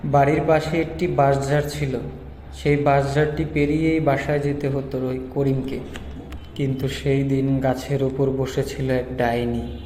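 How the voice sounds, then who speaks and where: A man's voice: medium pitch, flat delivery, measured pace, dark tone. A man narrating a scripted cartoon story as a storyteller. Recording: roomy reverb, faint background noise.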